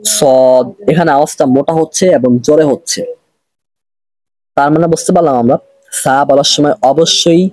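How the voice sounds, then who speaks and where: A man's voice: on the high side, darkish tone, no echo. A man with a Bangladeshi accent teaching Arabic reading, spelling out letters one by one and repeating each drill. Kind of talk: slow recitation lesson.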